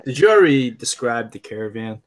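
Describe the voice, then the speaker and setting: A man's voice: mid-range voice, sing-song, brisk. A young man chatting casually as a player in a tabletop game, asking curious questions and joking.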